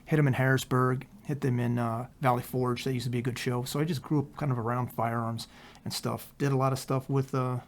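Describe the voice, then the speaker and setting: A man from Pennsylvania hosting a casual podcast, talking in a relaxed, rambling way with many fillers. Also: mid-range voice. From Pennsylvania, USA. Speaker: podcast host, training company owner.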